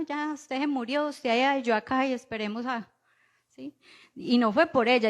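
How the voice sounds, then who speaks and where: A woman with a Colombian accent preaching a sermon in a conversational way, often checking in with the listeners through quick rhetorical questions. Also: a little high. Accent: Colombian Spanish. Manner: conversational preaching, frequent rhetorical "¿cierto?" tags.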